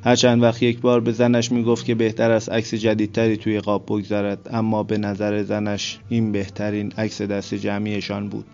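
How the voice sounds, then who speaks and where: Male narrator, low and gravelly, flat steady read, dull lo-fi sound. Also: hardly any pauses. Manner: steady, flat storytelling delivery. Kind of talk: scripted literary narration. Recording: dull lo-fi recording with soft music.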